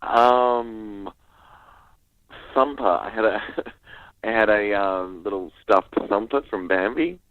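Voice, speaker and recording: A man's voice: on the low side, takes it slowly, pauses often, dry recording. A man with an Australian accent chatting as a comedian guest in a camp, self-deprecating way. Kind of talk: casual comic chat. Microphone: phone call. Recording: dull, close phone line.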